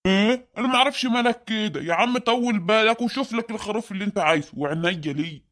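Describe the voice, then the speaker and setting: A man's voice: high-pitched, very fast, fairly bright tone. A man voicing a wary, haggling sheep seller in an Egyptian cartoon, with an Egyptian accent. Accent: Egyptian Arabic.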